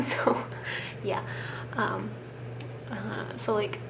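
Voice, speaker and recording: Keeping her voice low because of a swollen sore throat, a young American vlogger chats to camera in a room at home, rambling and making fun of herself, occasionally slipping into a whisper. She speaks at normal speed in a mid-range, steady voice. The home camera audio is roomy and noisy.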